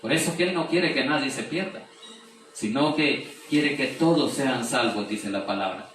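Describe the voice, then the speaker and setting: At a moderate pace and with a slightly bright, medium-pitched voice, a pastor reads scripture aloud in his sermon, explaining the verses and asking rhetorical questions. He's recorded in a very echoey space on a distant mic with faint noise.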